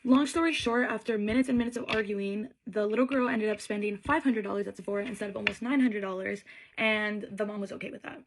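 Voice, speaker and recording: Brief: fast, frank woman, exasperated retail storytime. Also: mid-range voice, background noise. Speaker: beauty store worker. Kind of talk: casual storytime.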